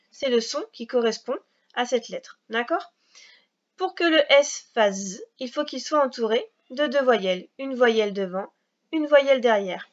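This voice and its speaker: A woman's voice: a little high, lo-fi sound. Patient woman teaching children to read. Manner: slow, patient, step-by-step explaining. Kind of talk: recorded reading lesson for young children.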